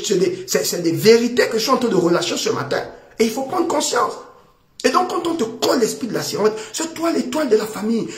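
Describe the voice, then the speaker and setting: A man preaching a sermon as a prophet, animated, repeating phrases for emphasis and voicing the people he quotes. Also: very high voice, echoey room.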